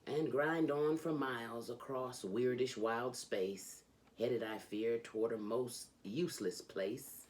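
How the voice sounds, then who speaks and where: A woman with a bass voice hosts a children's read-along, reading a storybook aloud. Her storytelling is animated and sing-song.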